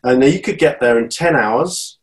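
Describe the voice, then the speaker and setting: A channel swimmer from Great Britain, in his fifties, is a guest in a casual interview. He speaks expressively in a mid-range voice at a moderate pace, earnest and encouraging, with frequent repetitions and restarts.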